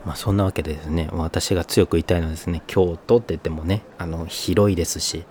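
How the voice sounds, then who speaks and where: Low-voiced male podcast host, thirties, flat slightly Kansai-tinged speech, easygoing and wry. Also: fast talker, slight background noise. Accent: flat northern Kyoto speech, slightly Kansai-leaning. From northern Kyoto Prefecture, Japan. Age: 30s. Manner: relaxed, chatty, self-deprecating asides. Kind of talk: solo podcast talk.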